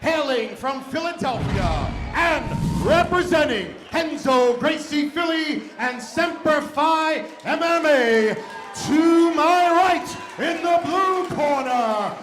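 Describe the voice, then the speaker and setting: A man working as a ring announcer, calling out fighters with a booming, drawn-out delivery in an arena. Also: lively intonation. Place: arena with crowd. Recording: echoey arena with music and crowd.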